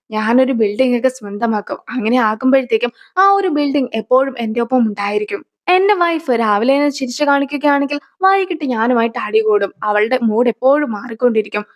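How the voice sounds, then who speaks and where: A woman retelling a drama's story as a voice-over narrator, quoting the characters' lines in her own voice. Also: a little high.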